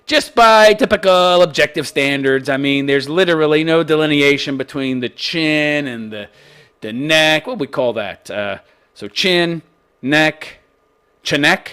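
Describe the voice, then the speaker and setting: A man's voice: a little high, unhurried, a bit bright, clear, resonant tone. A man hosting an opinion commentary show, reading out news and mocking it in a brash, coarse-mouthed, exaggerated way. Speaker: host of a commentary channel.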